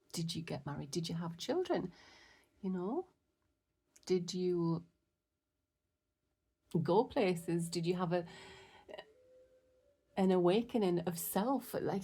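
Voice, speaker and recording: A woman giving a casual tarot reading, chatty and excitable, often dropping into soft whispers. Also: lowish voice, breathy edge. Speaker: tarot reader.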